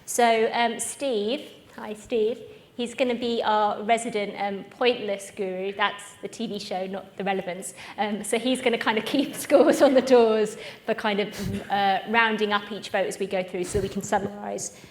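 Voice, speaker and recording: A woman's voice: medium pitch, steady tone, moderate pace. A woman hosting a live conference session, chatty and self-mocking. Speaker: event host. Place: conference room with live audience.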